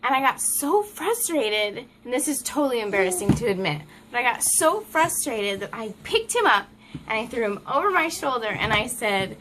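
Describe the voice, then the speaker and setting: Chatty mom talking to camera at home, bright voice a bit high, keeps turning to her little one. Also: sing-song, moderate pace, a little hiss or hum. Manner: chatty, laughs often, breaks off to talk to her toddler. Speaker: mom vlogger. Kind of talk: casual chat to camera. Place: family home, indoors.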